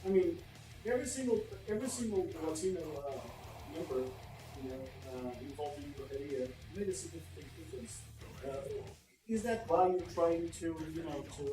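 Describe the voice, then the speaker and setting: A male podcast host chatting with a guest in a casual interview. He rambles and keeps circling back to reword his questions. He sounds set back from the mic in an echoey room, with music playing clearly behind him. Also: on the high side, warm tone, distant mic.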